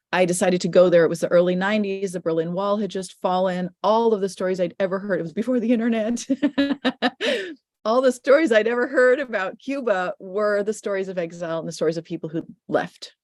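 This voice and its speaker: A woman's voice: lowish voice, a little mellow, dry recording, studio quality. A middle-aged woman, a filmmaker answering questions in an online panel, speaking thoughtfully and restarting phrases. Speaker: guest filmmaker.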